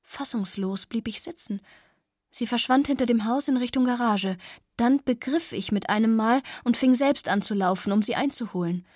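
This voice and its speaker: A woman's voice: on the high side, moderate pace, a little mellow, no room sound, studio quality. A woman reading a novel aloud in first person, intimate and sometimes dropping to a near whisper. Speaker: audiobook narrator. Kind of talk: scripted first-person narration.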